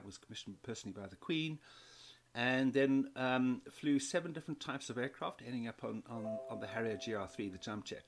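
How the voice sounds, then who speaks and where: A South African man in his fifties tells his story as a guest in a conversational interview. His mid-range voice is a bit bright, and he restarts often and repeats words.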